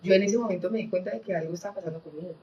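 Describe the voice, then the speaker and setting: A woman telling her personal testimony in an earnest, reflective way, often pausing with fillers and restarting her sentences. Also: lowish voice, warm tone, lo-fi sound, a little hiss or hum. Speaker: guest giving a testimony.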